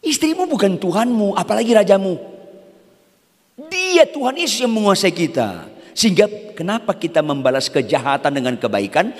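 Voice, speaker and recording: A man's voice: sits high, husky, long reverb tail. A man preaching a fiery sermon as a pastor, firing rhetorical questions at the congregation.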